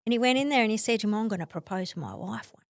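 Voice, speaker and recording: A middle-aged Australian woman telling her story as a podcast guest, animated, laughing often and acting out what others said. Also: medium pitch, rapid-fire, dry recording, clean studio sound. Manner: animated, acts out quoted voices, laughs often. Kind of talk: conversational storytelling.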